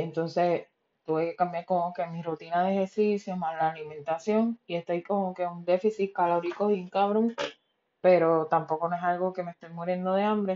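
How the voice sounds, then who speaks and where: A woman's voice: fairly low pitch, dull audio. A woman with a Puerto Rican accent talking frankly and casually on her own podcast, swearing freely and dropping English words into her speech. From Puerto Rico. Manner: frank and profane, mixing in English words, many fillers. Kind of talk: casual solo podcast monologue.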